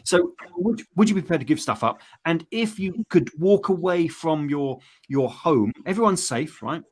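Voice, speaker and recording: A man's voice: a little high, animated, normal speed. A man hosting a group challenge in casual chat, putting questions in a chummy, prompting way and repeating his phrases.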